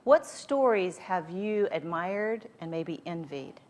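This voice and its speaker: A woman's voice: lowish voice, lively intonation, takes it slowly, a little mellow. A woman speaking as a motivational coach to a live group, with emphatic storytelling and rhetorical questions.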